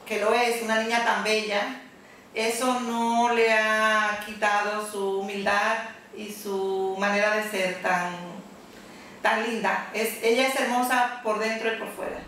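A woman's voice: mid-range voice, level tone, a little slow, fairly bright tone, slight background noise. Middle-aged woman, roomy and distant. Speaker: family member of contestant. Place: indoor living room on a red couch.

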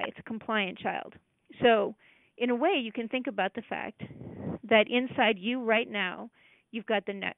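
A woman with a medium-pitched voice gives a casual talk, explaining ideas conversationally with many fillers and restarts and acting out parent and child voices in quotes. The audio is dry and tinny, like a phone, with no room sound.

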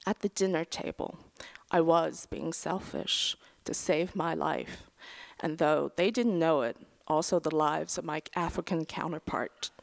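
A middle-aged woman reading her own memoir essay aloud at a lectern in a large auditorium, dry and wry, with soft trailing phrase endings. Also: deep voice, measured pace, vocal fry. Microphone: lectern microphone.

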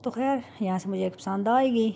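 A woman's voice: fairly high pitch, brisk, gravelly, dark tone, slight background noise. Chatty middle-aged Pakistani woman vlogger. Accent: Punjabi Pakistani Urdu. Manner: chatty, matter-of-fact, recounting haggling. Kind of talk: casual voice-over narration.

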